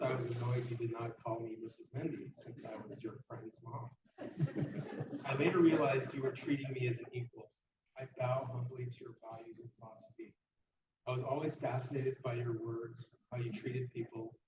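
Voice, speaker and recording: A man reading a tribute letter aloud at a memorial, in an earnest, measured way. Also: medium pitch. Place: memorial gathering hall. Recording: echoey room from far off, dull, noisy.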